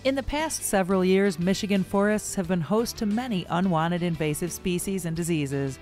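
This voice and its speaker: A woman narrates a segment in an even, informative voice. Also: fairly low pitch, moderate pace, faint music behind. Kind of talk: scripted narration.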